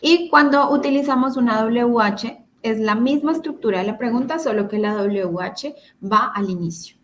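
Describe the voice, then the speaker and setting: A woman's voice: on the high side, moderate pace, slight background noise, poor audio. A woman teaching English grammar in a recorded video-call lesson, explaining step by step, repeating words and checking in with her students.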